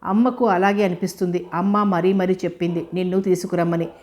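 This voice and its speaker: A woman reading the part of a young male doctor, a quick-tempered and affectionate fiancé, in a storybook. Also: lowish voice, fairly even intonation, darkish tone, lightly acted. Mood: earnest.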